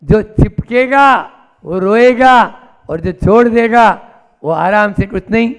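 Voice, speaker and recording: A man's voice: high-pitched, slow pace. A man giving a sermon, telling stories and acting out their characters, repeating key phrases for emphasis. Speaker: Jain monk preacher. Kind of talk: sermon with storytelling.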